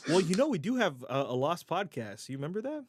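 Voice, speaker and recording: A man's voice: on the high side, very animated, fast. Jokey man hosting a noisy podcast. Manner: jokey, laughs often, rambling with restarts. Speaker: podcast host. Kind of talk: casual chat.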